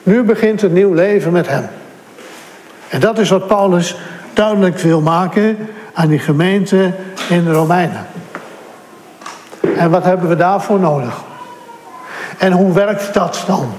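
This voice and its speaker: A man's voice: sits high, unhurried, long pauses, a little mellow, slight background noise. A man preaching a sermon, earnest and direct, repeating his points for emphasis. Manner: earnest, repetitive emphasis, addresses listeners directly. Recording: echoey hall.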